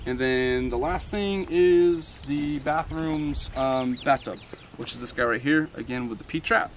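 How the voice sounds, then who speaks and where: A man's voice: medium pitch, a little slow, a little hiss or hum. A man in his thirties giving a casual, step-by-step how-to tour of the plumbing at his outdoor building site, with plenty of ums and uhs. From Tennessee. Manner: relaxed, many ums and uhs, explains step by step. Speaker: DIY home builder.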